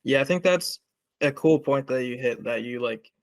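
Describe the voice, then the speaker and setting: A man's voice: medium pitch, moderate pace, creaky, dry recording. A man interviewing a voice actor, casual and laid-back, saying "like" often. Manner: laid-back, many "like" fillers. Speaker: interviewer, project maker.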